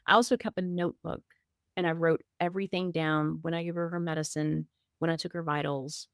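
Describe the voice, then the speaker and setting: A woman's voice: low voice, fairly even intonation, a little fast, clear, resonant tone, dry recording, studio quality. A middle-aged woman on a podcast, telling her story in a candid, emotional way, with many restarts and fillers. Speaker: podcast guest sharing her grief story. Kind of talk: casual conversational storytelling.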